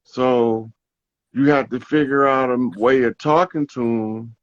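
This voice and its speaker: A man in casual conversation, relaxed and storytelling, who acts out the voices of the people he talks about. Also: medium pitch, a little slow, no echo, highs cut off.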